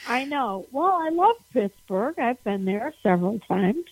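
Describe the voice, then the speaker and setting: A woman stand-up comedian chatting in a phone interview, animated, laughing often and restarting her sentences. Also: a little high, unhurried, breathy edge, dry recording, low-quality recording.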